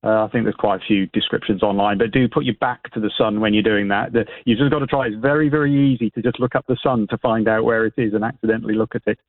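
Halting British man on a tinny phone line. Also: on the low side, fairly even intonation, no room sound. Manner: hesitant, halting, repeats words. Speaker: astronomy expert and event organiser, radio guest. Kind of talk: live radio interview, explaining informally.

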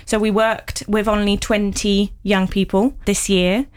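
A woman speaking as a project coordinator, describing her work clearly and steadily. Her voice is smooth and resonant, at a middle pitch. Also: level tone, unhurried. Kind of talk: explanatory interview answers.

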